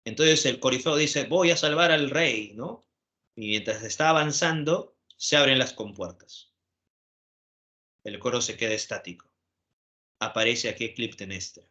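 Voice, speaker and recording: A male teacher giving an animated classroom lecture, constantly adding tag questions to check his listeners follow. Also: mid-range voice, a little slow, long pauses.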